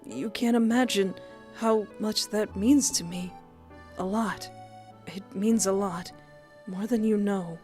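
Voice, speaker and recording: A woman voicing a shy, polite male mushroom creature in a visual novel, speaking in a halting, hesitant way. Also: medium pitch, warm tone, faint music behind, close to an everyday voice. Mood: timid, earnest.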